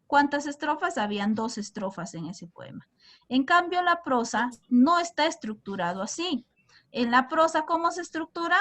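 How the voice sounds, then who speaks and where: Higher-voiced woman teaching a class. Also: expressive, normal speed, fairly bright tone. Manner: keeps asking the class questions. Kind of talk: classroom lesson.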